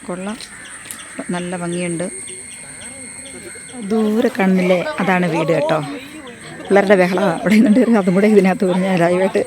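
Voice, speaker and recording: A woman walking a rural path on a casual vlog, hoarse from losing her voice, chatty and rambling as she repeats herself. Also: on the low side, steady tone, moderate pace, pauses often, crowd noise. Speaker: vlogger. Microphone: phone front camera at arm's length.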